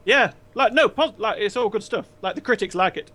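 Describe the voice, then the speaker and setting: A man co-hosting a casual gaming podcast, relaxed and rambling with lots of fillers. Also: sits high, fairly quick. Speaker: podcast co-host. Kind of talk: casual chat.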